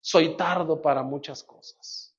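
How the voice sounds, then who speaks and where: A pastor preaching a sermon in church, animated and full of rhetorical questions. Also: male voice, fairly high pitch, unhurried. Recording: dull lo-fi church recording.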